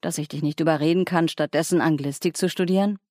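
A dry, distracted male university professor from a storybook, speaking in an unhurried, slightly absent way, voiced by a woman reading aloud. The voice sits low, and the sound is close and dead, with no room around it. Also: steady tone, darkish tone, no echo, lightly acted.

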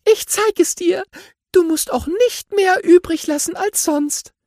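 A man's voice: very high voice, measured pace, a little mellow, no room sound, studio quality, pitched above the performer's own voice. A man voicing a tiny chirpy bird with a piping voice, for a children's audiobook.

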